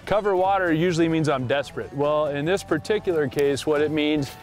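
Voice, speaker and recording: A man's voice: fairly high pitch, brisk, soft background music. A middle-aged man hosting a fishing show from a boat on a lake, talking casually to viewers he calls guys. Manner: chatty, addresses viewers as guys. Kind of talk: casual on-the-water fishing commentary.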